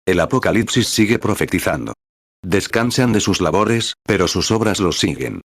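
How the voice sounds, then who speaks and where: A man with a very deep voice reads a translated sermon in an earnest, preaching tone. The recording is dry and close, with no room sound. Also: lively intonation, moderate pace, dry recording. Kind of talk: sermon reading with numbered paragraphs.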